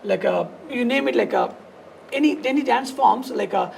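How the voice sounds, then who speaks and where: A man with a South Indian accent and a gravelly, creaky voice, telling his story conversationally in loose, fragmented, repetitive phrases. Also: very high-pitched, normal speed, darkish tone, a little hiss or hum. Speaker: dance studio founder and teacher, podcast guest.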